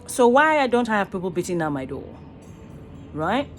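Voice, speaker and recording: Holding her phone at arm's length in a small room, a middle-aged Nigerian actor and voice artist rambles earnestly through a selfie vlog, frequently pausing to reword things. Her medium-pitched voice is sing-song and moderately paced, with faint music behind it.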